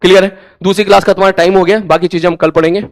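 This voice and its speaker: A man's voice: high voice, level tone, racing, dry recording, clean studio sound. A man teaching physics online to his class, blunt and stern, repeating points for emphasis. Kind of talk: scolding lecture to an online class.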